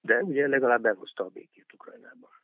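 A man's voice: mid-range voice, lively intonation, no room sound, phone-quality sound. A man giving political radio commentary in a sarcastic, mocking tone.

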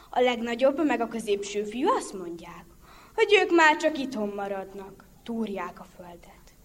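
A woman narrating a Hungarian-style folk tale in a lively, rhythmic storytelling manner. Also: a little high, a little hiss or hum.

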